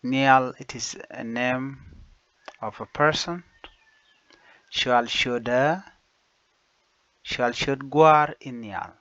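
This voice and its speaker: A man teaching basic phrases, saying each one slowly and repeating it in two languages. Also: medium pitch, fairly even intonation, a bit bright, no echo. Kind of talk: slow phrase-by-phrase language lesson. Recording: dull lo-fi dry recording.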